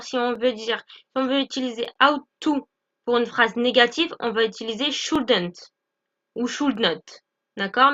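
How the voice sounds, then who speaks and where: High bright-voiced woman teaching grammar. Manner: patient, repeats points with "d'accord?" checks. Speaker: English teacher. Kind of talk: explaining an English grammar lesson. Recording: dull lo-fi recording.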